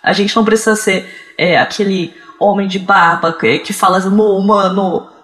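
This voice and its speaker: A man's voice: sits high, steady tone, moderate pace, pushed and bright. A man with a cracking, reedy voice, speaking casually and reflectively as a podcast guest, repeating words as he searches for them. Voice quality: cracking, reedy voice from early gender transition. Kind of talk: casual, reflective advice and personal account.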